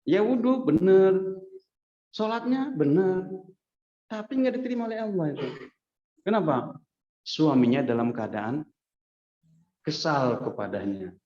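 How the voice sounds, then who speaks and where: A man preacher giving a casual, lively hadith lesson in a mosque, often turning to his listeners and acting out quotes. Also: a little high, measured pace, pauses often. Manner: lively, addresses listeners as Pak, acts out quotes. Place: mosque hall. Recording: echoey dull mosque recording.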